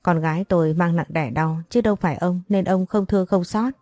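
A woman's voice: fairly low pitch, brisk, darkish tone, dry recording, clean studio sound, lightly acted. A woman reading the lines of an ailing older mother in a storybook narration, pleading and scolding.

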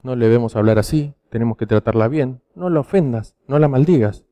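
Argentine preacher, mellow storytelling voice. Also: male voice, mid-range voice, a little fast. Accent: Rioplatense Spanish. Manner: storytelling, frequent rhetorical "¿sí?" checks. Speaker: youth preacher. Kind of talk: sermon to teenagers.

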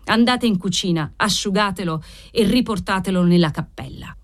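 A woman reading aloud who voices a stern, imperious doctor who speaks slowly and firmly. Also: mid-range voice, lightly acted. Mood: commanding. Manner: slow, firm, imperious. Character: stern, commanding male doctor, middle-aged.

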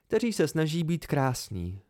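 A man's voice: a little high, wildly swooping pitch, darkish tone. A man doing a teasing playful young woman. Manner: teasing, lilting. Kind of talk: amateur audiobook reading.

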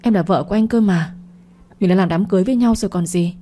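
A woman's voice: mid-range voice, fast, mellow, natural voice. A woman voicing a scheming young wife who snaps threats and then begs in a storybook reading. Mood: pleading.

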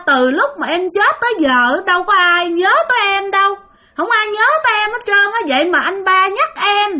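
A woman voicing the ghost of a murdered woman turned fanged demon, speaking. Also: pushed and bright. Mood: eerie pleading. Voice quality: shrill. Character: vengeful ghost woman turned demon, long fangs, shrill.

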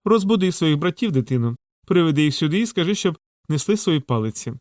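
A man voicing a shrewd old woman shopkeeper who scolds loudly and dotes on the boys. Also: on the high side, animated, quick pace, no room sound, clean studio sound, pitched above the performer's own voice, close to an everyday voice. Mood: outraged. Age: older. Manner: scolding, loud and doting by turns.

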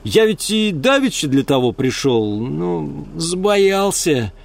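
A man's voice: fairly high pitch, sing-song, slow pace, gravelly, voice pushed up, heavily acted. A man voicing a talkative young country lad who rambles in folksy speech with filler sounds. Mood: eager.

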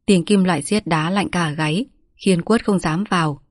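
A woman narrating a village story in a steady, even storytelling manner. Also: fairly low pitch, normal speed, dry recording, studio quality.

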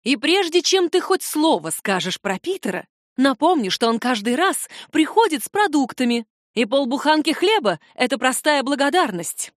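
Audiobook: female reader doing a fearful, strict mom; sharp commands, dry close sound. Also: high-pitched, very animated, normal speed, no room sound. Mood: scolding. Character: stern, fearful middle-aged mother.

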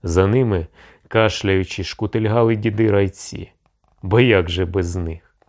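A man narrating an audiobook in a slow, measured storytelling manner. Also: low voice, fairly even intonation, a little mellow.

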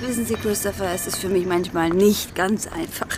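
In a German radio drama, an actress plays an earnest, outspoken schoolgirl from a well-off family, speaking formally, emphatically and probingly in an earnest, confiding mood. Her voice is mid-range with fairly even intonation at a normal speed, close to an everyday voice, heard over music.

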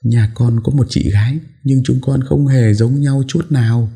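A man voicing a young woman who speaks in a hurried, anxious way. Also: mid-range voice, steady tone, creaky, dark tone, breathy edge, pitched above the performer's own voice.

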